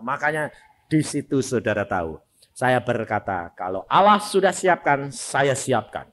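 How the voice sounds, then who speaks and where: A man's voice: medium pitch, unhurried. A middle-aged man preaching a sermon in with a tinge. He tells personal stories bluntly and addresses the congregation directly. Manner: blunt, animated storytelling, speaks directly to the congregation.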